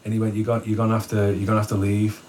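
A man with a fairly low voice tells a story in relaxed conversation. He is animated, laughs often and raises his voice when acting out what people said. Faint background noise sits under the recording. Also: rapid-fire. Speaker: guest. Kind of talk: casual storytelling.

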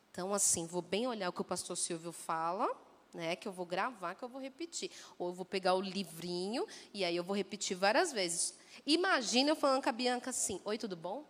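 A woman preaching a sermon who talks straight to the congregation and mimics people in a lively way. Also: high-pitched. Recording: long echo of a church hall.

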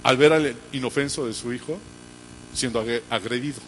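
A man preaching a sermon as pastor, fervent and swinging from hushed to loud. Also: mid-range voice, normal speed, noisy background.

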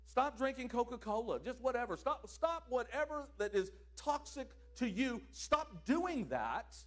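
Loud declarations send the preacher's pitch upward, while quiet asides bring it down, so his very high, bright voice moves all over the place. He delivers the sermon in a sing-song way at a measured pace.

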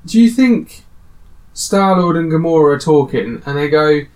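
A man recaps a film in relaxed, rambling casual chat. His voice sits a little higher than most men's. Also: moderate pace, low-quality recording. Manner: relaxed, recapping scenes with many "um"s.

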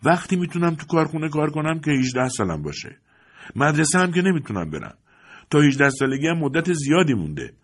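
A man with a husky voice voicing a proud, frustrated Italian teenage boy in an audiobook, pushing out indignant, pleading outbursts. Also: on the low side, natural voice. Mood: despairing. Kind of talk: audiobook character voice.

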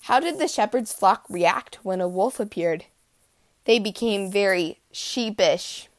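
A woman's voice: medium pitch, lively intonation, measured pace. A woman hosting a podcast, reading out puns in a playful, punchy way. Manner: playful, punchy delivery of jokes. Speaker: podcast host.

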